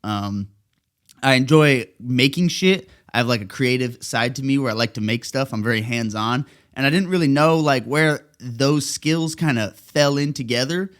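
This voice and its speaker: A young man from Southern California guests on a podcast as a fashion student. He talks in a relaxed, easygoing way and leans on "like" a lot. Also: mid-range voice, moderate pace. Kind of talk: casual podcast chat.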